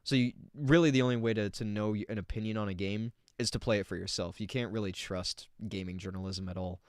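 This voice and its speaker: A man's voice: on the low side, fast, clear, resonant tone, no room sound, studio quality. A man hosting a casual reaction commentary, talking in a rambling, filler-heavy way and swearing bluntly. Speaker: reaction video host.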